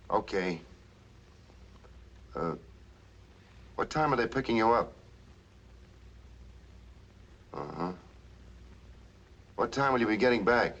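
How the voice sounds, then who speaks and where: An actor playing a troubled, curt police lieutenant in a 1940s film noir style. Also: male voice, sits low, a bit bright, full character voice. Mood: guarded. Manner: curt, tough, evasive. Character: brusque, troubled police lieutenant, a married man. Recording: dull old film soundtrack.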